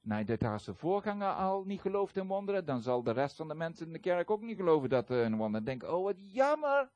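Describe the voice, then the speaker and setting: A man with a high, bright-sitting voice preaches in a lively, chatty way, stumbling over fillers now and then. He slips into the voices of the people he quotes as he tells his stories. The sound is dry and close, with no room around it. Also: brisk, no room sound, lo-fi sound. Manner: animated storytelling, acts out quoted voices; conversational, frequent hesitations. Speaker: guest preacher. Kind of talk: sermon.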